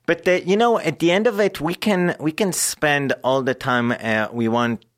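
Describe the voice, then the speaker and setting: A man from Israel, a guest in an interview, telling his life story earnestly and haltingly with many pauses and fillers. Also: on the high side.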